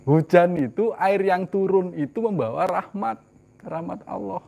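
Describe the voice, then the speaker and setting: Emphatic preacher. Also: male voice, measured pace, vocal fry. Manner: rhetorical questions answered himself, mixing in Javanese phrases; swings from loud emphatic lines to soft low asides. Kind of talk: sermon.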